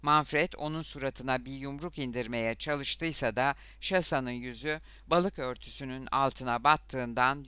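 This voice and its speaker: Bright, smooth male audiobook narrator. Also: medium pitch, dry recording. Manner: steady dramatic reading, lifts voice for shouted quotes. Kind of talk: scripted narration.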